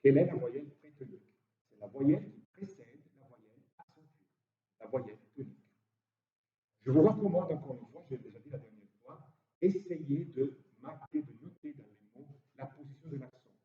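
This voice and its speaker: A man's voice: mid-range voice, lively intonation, moderate pace. A man teaching a university lecture, explaining step by step with frequent hesitations. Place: lecture hall. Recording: roomy, distant, dull lecture-hall recording.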